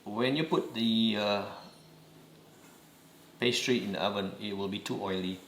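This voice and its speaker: A man's voice: lowish voice, fairly bright tone, echoey room, slight background noise. A man from Singapore with a Singaporean accent, giving patient step-by-step instructions in a home cooking demonstration. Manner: slow, patient instructions with repeated reminders.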